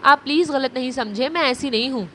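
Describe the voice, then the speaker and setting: A woman's voice: high-pitched, bright, forceful tone, slight background noise. Woman voicing a timid, teary young wife. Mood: tearful. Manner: fearful, tearful pleading.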